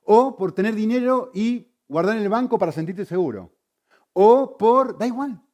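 A man preaches with a lively, animated delivery. His voice sits somewhat high for a man and rises and falls widely. He moves from loud emphasis to hushed, intense points. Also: normal speed. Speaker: pastor. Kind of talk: sermon.

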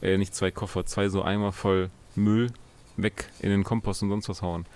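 A young man chatting casually as a podcast co-host, his voice sitting a little low. He tells stories in a lively way and acts out what each person said. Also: normal speed. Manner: animated anecdote, quotes his parents in dialogue. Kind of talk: casual chat, storytelling.

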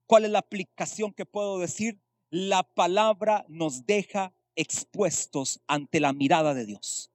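A man's voice: high-pitched, dry recording. A male pastor preaching a sermon, explaining Greek words and asking rhetorical questions.

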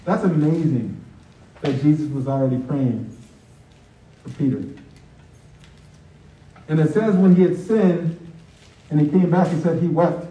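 A man preaching a sermon with energy, reading scripture aloud and mixing in sports talk. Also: on the high side. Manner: energetic, uses football metaphors, reads scripture aloud. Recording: roomy, distant, dull mic sound.

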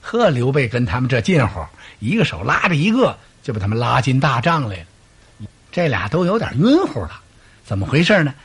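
Husky guy telling an old war story, super lively up and down voice. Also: medium pitch, fairly quick. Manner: animated, dramatic, vivid sound effects. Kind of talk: traditional storytelling performance.

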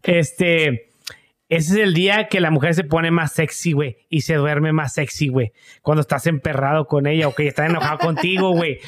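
A man's voice: fairly high pitch, steady tone, normal speed. A young Mexican man co-hosting a podcast, telling jokes in slangy casual chat and tacking "güey" onto nearly every phrase. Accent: Mexican Spanish. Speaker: podcast co-host.

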